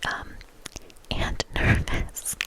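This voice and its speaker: Casting: female ASMR host, fully whispered, casual and rambling, softly repeating words. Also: extremely slow. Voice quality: soft, unvoiced whisper. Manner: lingers on and repeats soft words. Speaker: host of a knitting ASMR channel.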